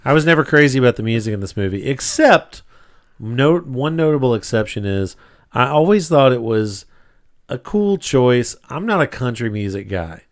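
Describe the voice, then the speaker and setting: A man's voice: mid-range voice, lively intonation, normal speed. Dry, wry male podcast co-host. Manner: dry, wry, clears throat often. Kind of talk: casual podcast chat, reading reviews aloud.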